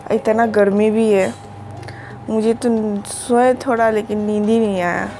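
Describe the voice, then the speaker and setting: A young woman from Assam, India, records a chatty vlog at home and talks straight to her viewers. Her voice sits at a middle pitch. Faint music plays underneath. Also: a little mellow. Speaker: vlogger. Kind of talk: casual vlog chat. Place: home, indoors.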